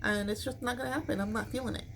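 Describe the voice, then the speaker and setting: Talking very fast in a steady, fairly bright voice of fairly high pitch, this middle-aged Chicago woman vlogs to the camera. She is American and chats with her viewers in a rambling, slangy, informal style, with noticeable background noise behind her.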